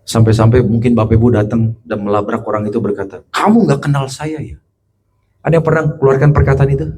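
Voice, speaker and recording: A male pastor preaching a sermon to a congregation, asking them questions, and moving between loud emphatic lines and quiet, low storytelling. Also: husky. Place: church.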